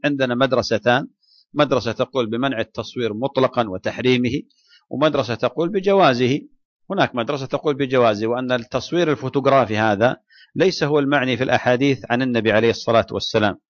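A man, an Islamic scholar, answers questions in a religious lecture at a quick pace. His delivery is deliberate, with frequent restarts. The sound is dry and a little dull. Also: mid-range voice, no room sound.

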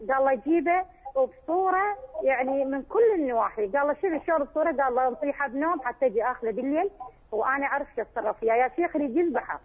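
A woman calls in to question a religious scholar, her high voice lively in intonation and delivered rapid-fire. She sounds earnest and pleading, often saying sheikh, and the phone audio is tinny.

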